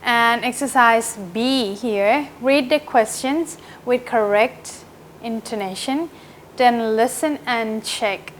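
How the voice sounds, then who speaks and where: Woman, English teacher, patient, slow and careful, slightly high voice. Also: slight background noise. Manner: patient, checks in with "right?" and "okay?". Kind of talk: online grammar lesson.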